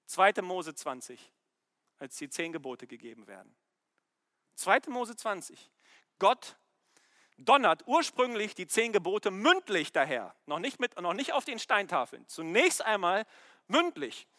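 A middle-aged man preaching a sermon, swinging from quiet, measured talk to loud, emphatic outbursts. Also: high-pitched, no room sound, studio quality, big-room sound.

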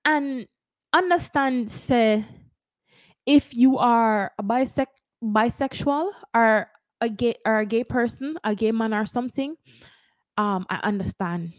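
A woman's voice: fairly high pitch, slow pace, dry recording. A woman with a Jamaican lilt hosts a casual commentary show. She talks in a chatty way and keeps hedging and correcting herself. Her voice sits close to the mic in a dry, dead space. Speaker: host.

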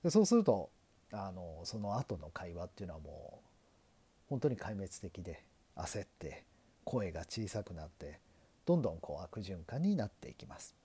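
A middle-aged lawyer from Japan hosting a solo podcast, talking in an earnest, self-deprecating, measured way. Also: male voice, low voice, very animated, dark tone, husky. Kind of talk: solo podcast talk on learning English.

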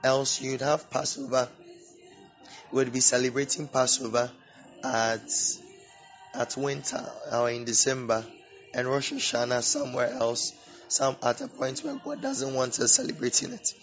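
A man hosting an informal religious teaching podcast with a sore, swollen-throat voice, speaking haltingly and repeating words. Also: medium pitch. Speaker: podcast host. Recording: dull lo-fi audio, music behind. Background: background music.

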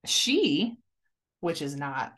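A woman's voice: low-pitched, very animated, very slow, fairly bright tone. Giggly woman co-hosting a podcast. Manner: giggly, chatty, lots of fillers. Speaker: podcast co-host. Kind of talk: casual chat.

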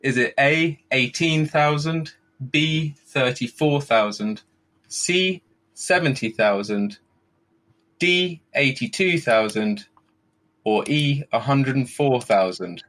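A man's voice: mid-range voice, takes it slowly, fairly bright tone, poor audio. A man hosting a casual live quiz, reading out questions and answers. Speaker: quiz host. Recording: clear background noise.

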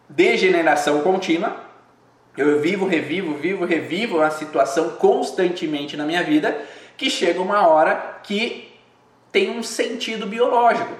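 A man talks through a live stream in a reflective, explanatory way. He repeats phrases and poses rhetorical questions, and his voice sits a little higher than most men's. The sound carries a roomy echo. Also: a bit bright. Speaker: host of a live video channel.

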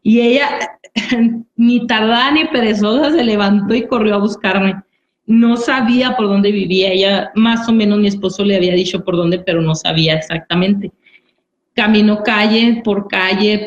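A woman giving an earnest personal church testimony, repeating phrases and often asking "¿verdad?". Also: mid-range voice. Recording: roomy, dull recording.

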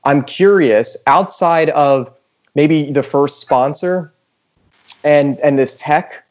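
A man's voice: a little high, takes it slowly, a little mellow, muffled recording. A man hosting a podcast, asking long, searching questions in casual talk. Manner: rambling, searching for words. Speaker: podcast host.

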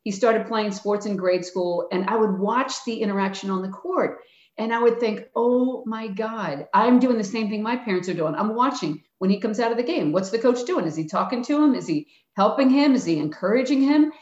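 At normal speed and in a darkish, mid-range voice, the older Philadelphia woman, a retired basketball coach and guest, reflects frankly and plainly in interview answers. She acts out quotes of herself and her players, and the echoey, dull room makes the sound roomy and muffled.

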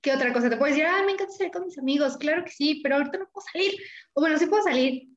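A young woman with a Mexican accent chatting casually, animated and acting out her own thoughts as she talks. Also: high-pitched, very fast, roomy sound, lo-fi sound. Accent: Mexican Spanish. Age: young adult. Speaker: interviewee. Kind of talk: casual chat.

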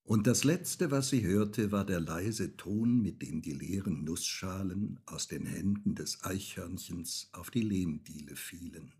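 Calm male storyteller for fairy-tale narration, slow and low, husky. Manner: measured, calm reading.

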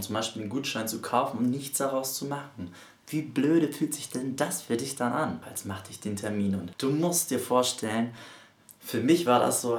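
A man hosting a podcast, telling a personal story in a reflective way and speaking straight to the listener. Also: medium pitch. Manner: reflective, addresses listener directly. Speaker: podcast host. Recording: roomy echo.

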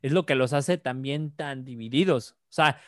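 A man's voice: medium pitch, normal speed, no room sound, studio quality. A man with a Mexican Spanish accent, co-hosting a casual political podcast, joking around and using a lot of slang. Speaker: podcast co-host.

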